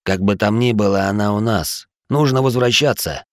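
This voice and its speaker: A man's voice: on the low side, moderate pace, no room sound, studio quality, close to an everyday voice. A man voicing tense, sarcastic male companions in an audiobook, lifting his voice above his narration.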